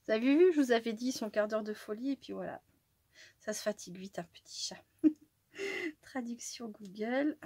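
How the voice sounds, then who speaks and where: Chatty French woman, soft and delighted. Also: fairly high pitch, animated, normal speed, long pauses, slightly rough, no room sound. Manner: chatty, easily delighted, often laughing, drops to soft whispers. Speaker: crafting channel host. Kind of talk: casual chat while opening mail.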